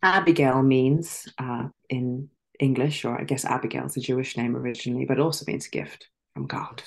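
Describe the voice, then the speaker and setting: Articulate woman with a gravelly edge. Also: a bass voice, fairly even intonation, moderate pace. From Zimbabwe. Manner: articulate, reflective, with soft laughs and filler ums. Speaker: actress and guest. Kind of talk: casual interview chat. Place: dim room at home. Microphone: video call.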